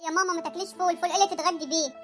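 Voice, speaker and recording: A woman voicing a loving grown daughter who is hoarse from a cold, caring and tender, with an Egyptian accent, in a cartoon story. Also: extremely high pitch, steady tone, very fast, faint music behind.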